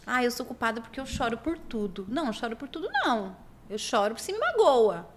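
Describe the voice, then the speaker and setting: A woman talks openly as a podcast guest. Her voice sits fairly high and moves animatedly through its range. She sounds sincere and emotional, with a faint hiss in the background. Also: quick pace. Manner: earnest, emotional, lively intonation. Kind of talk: casual interview talk.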